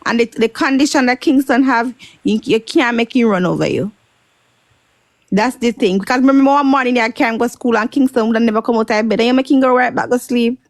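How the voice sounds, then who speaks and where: Chatty high-voiced Jamaican woman host. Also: fairly quick. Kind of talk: casual live-stream chat.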